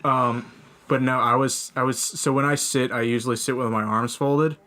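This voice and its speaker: A man's voice: mid-range voice, fairly even intonation, normal speed, a bit bright. A young man co-hosting a comedy podcast, telling a long story in casual chat with many restarts. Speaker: podcast co-host.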